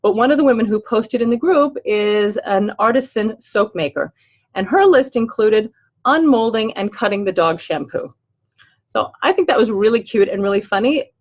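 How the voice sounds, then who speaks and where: The recording is muffled as this LA-raised financial planner, an older American woman, presents a webinar. Her medium-pitched voice stays chatty and upbeat, sprinkled with everyday filler words.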